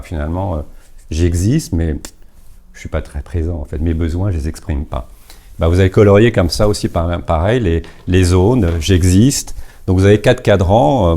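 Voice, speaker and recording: A man's voice: low-pitched, dark tone. A man giving an informal business coaching talk, explaining step by step with many fillers and repeated words.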